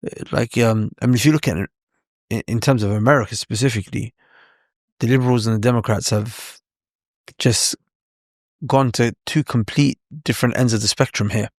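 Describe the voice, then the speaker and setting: A male podcast host asks questions casually, circling a point with fillers before landing it. His voice sits at an ordinary pitch. The sound is dry. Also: fairly even intonation, normal speed, dry recording. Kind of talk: interview.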